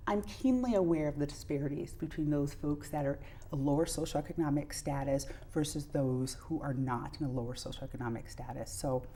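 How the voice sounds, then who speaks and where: A woman's voice: low voice, darkish tone, slightly rough. A middle-aged woman, a pediatrician giving earnest explanations with examples as an interview guest. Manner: earnest, illustrates points with examples.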